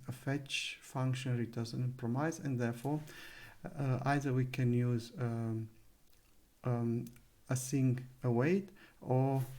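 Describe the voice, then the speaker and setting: A man's voice: medium pitch, mellow. A man narrating a live coding screencast, thinking aloud with many fillers and self-corrections, at a desk microphone. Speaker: coding tutor. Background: keyboard typing and clicks.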